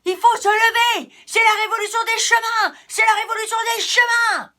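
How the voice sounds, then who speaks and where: A woman voicing a small, young male path who is rebellious and fiery, shouting rallying cries in a storybook tale. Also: very high-pitched, fairly even intonation, normal speed, voice pushed up. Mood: rousing.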